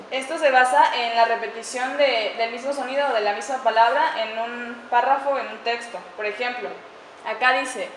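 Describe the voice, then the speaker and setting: A woman explains grammar mistakes in a measured, classroom-presentation style, slowing down to spell out each example sentence. Her voice is bright and somewhat high. The room around her is echoey, with a faint background hum. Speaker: student presenter.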